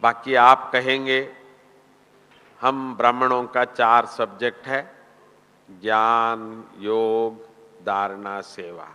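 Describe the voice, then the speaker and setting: A man giving a spiritual discourse to a gathering, in a gentle, measured preaching manner. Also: mid-range voice, little pitch movement, smooth. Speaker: spiritual teacher. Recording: long reverb of a hall.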